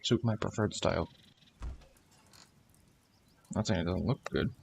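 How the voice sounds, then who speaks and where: Slow, creaky-voiced man grumbling through a game. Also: deep voice, slight background noise. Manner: sweary, grumbling, muttered asides. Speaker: gaming streamer. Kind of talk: casual game commentary.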